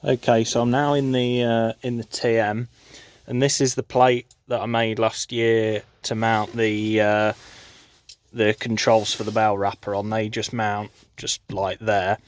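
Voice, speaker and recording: A farm vlogger talks informally and matter-of-factly through a hands-on DIY installation in a casual how-to video shot on a handheld phone. His low-leaning voice is clear and resonant, a little slow with little pitch movement, and there's no room sound.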